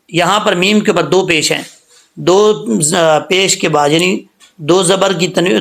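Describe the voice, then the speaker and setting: A man with a fairly high voice gives a patient recitation lesson. He spells each word out sound by sound, then draws the verse out in a slow, melodic chant. He keeps stopping to ask his listeners whether they follow. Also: creaky, fairly bright tone. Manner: checks understanding with repeated questions. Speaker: Quran recitation teacher. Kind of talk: tajweed lesson, spelling words letter by letter.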